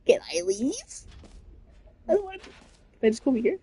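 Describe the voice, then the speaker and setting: A woman's voice: extremely high pitch, lively intonation, fairly quick, gravelly, warm tone, a little hiss or hum. A woman giving casual, swearing commentary while streaming a game.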